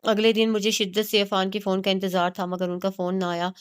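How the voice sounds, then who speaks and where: A woman narrating a romantic novel in an even, steady reading voice. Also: medium pitch, clean tone. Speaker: audiobook narrator.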